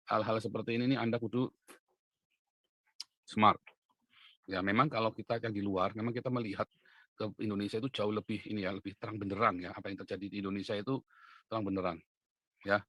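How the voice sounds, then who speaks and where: This male preacher speaks fast in a bright voice with fairly even intonation, recorded dry. Also an online commentator, he talks casually straight to camera, emphatically shifting from low asides to loud, insistent urging and frequently adding "ya kan?"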